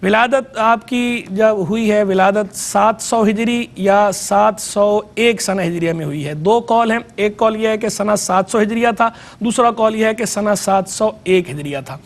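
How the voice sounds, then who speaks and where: His voice sits high as this Pakistani Urdu-accented scholar teaches religion on television. The lecture is educational and measured, and he stresses important terms by saying them again.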